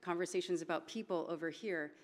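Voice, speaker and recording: A woman from Hawaii speaks briskly in a voice on the low side. She moderates a conference panel informally from a conference hall stage, mixing in words as she goes. The recording carries the long reverb of a large hall.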